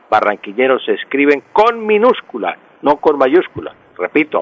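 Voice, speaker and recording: A man who explains spelling rules on a radio call-in show, calm and repetitive, going back over his key points. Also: medium pitch. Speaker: language expert on a radio show. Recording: dry, dull radio broadcast sound.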